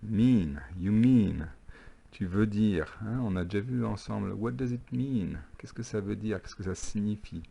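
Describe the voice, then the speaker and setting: A man, an English teacher recording a homework lesson, who patiently repeats phrases slowly. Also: lowish voice, vocal fry, warm tone, muffled recording, a little hiss or hum.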